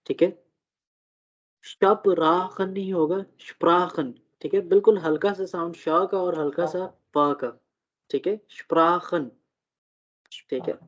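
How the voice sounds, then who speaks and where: A man teaching a live online German class, who talks slowly, checks in often and uses many fillers. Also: high voice, steady tone. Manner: slow, repeats "theek hai" often, fillers. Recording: dull lo-fi audio.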